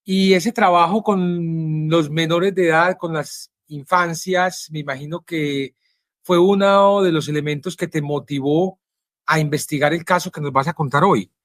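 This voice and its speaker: A male journalist with a Colombian Spanish accent, introducing his guest and asking questions in a measured, earnest way with frequent pauses. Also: fairly high pitch, fairly even intonation, a bit bright, no echo, studio quality. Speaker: journalist and interviewer.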